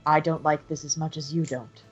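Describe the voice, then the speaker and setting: A woman with a low voice role-plays in a tabletop game. Her recording sounds dull, with music playing behind her. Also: fairly even intonation, fairly quick, slightly rough. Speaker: player. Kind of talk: in-character tabletop role-play.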